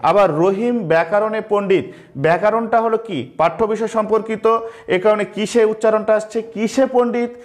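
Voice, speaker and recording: A man with a Bangladeshi Bengali accent teaches an online grammar class in a fairly high voice. He goes slowly, repeating each key term and posing questions he then answers himself. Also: fairly even intonation. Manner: slow, repeats key terms, asks and answers his own questions.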